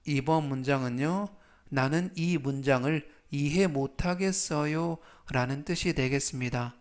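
A man teaching English vocabulary in a slow, deliberate lesson. He has a Korean accent and reads each word three times with clear enunciation. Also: fairly high pitch.

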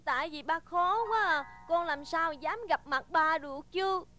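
A young woman playing a tearful daughter in a film, crying and pleading in drawn-out calls. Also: extremely high pitch, pushed and bright, exaggerated voice. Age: 20s.

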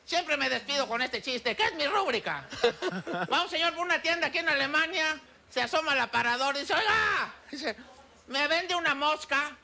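An actor playing a corny male stand-up comic with a Mexican accent, using a high put-on voice and giggling at his own bad jokes in a TV comedy sketch. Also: animated, normal speed, gravelly, sharp tone, a little hiss or hum, exaggerated voice. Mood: giggly.

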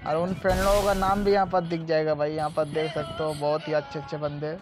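A man's voice: fairly high pitch, flat delivery, fast, over music. A man streaming a shooter game in casual, chatty commentary, pleading with players and asking viewers to like and subscribe. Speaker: gameplay streamer. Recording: noisy gunfire from the game behind.

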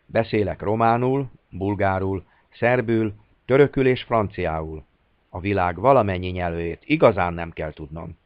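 A fugitive Hungarian captain posing as a language teacher, calm and measured under questioning, as a man reads him. His voice is low, recorded dry and a little dull. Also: no echo, lightly acted.

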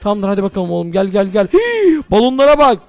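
Excitable young male gamer, very high and rapid; close, dry mic. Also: no room sound. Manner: excitable, addressing viewers, exclaiming. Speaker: gaming YouTuber. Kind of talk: Minecraft role-play commentary.

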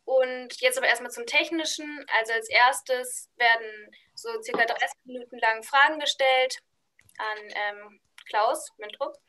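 Young woman hosting a zoom talk from home, high voice, bright tone, friendly. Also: measured pace, slight background noise. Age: young adult. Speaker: host, moderator. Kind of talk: moderating an online talk. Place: room at home. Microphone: video call webcam.

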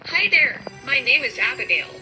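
A synthetic text-to-speech woman's voice giving an even, scripted self-introduction as a sample for a speech app. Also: sits high, moderate pace, over music, rough recording.

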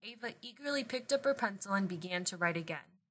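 A woman reading a picture book aloud in an expressive, lively storytelling manner. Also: medium pitch, quick pace. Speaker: storybook reader.

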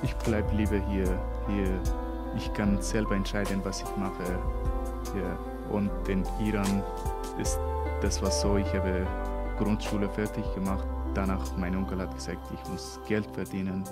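A young Afghan man whose first language is Dari answers interview questions in German, speaking slowly and haltingly with broken grammar and an Afghan accent. His voice is low and level and competes with loud music. He is in a small radio studio, speaking into a mic on a boom arm.

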